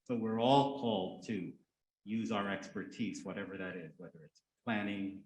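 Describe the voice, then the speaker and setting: A man's voice: lowish voice, moderate pace. Echoey room, faint ambient noise, man, conversational panel talk, checking in with listeners. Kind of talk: panel discussion.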